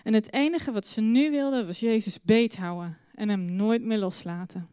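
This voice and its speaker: A woman telling a Bible story to children in church, with a lively, expressive storytelling manner. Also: medium pitch, normal speed, clear, resonant tone, no room sound.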